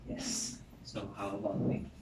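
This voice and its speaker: A young man with a Filipino accent, answering interview questions politely and hesitantly, with halting phrases. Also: lowish voice, level tone, vocal fry. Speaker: job interview candidate. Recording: distant echoey noisy room recording.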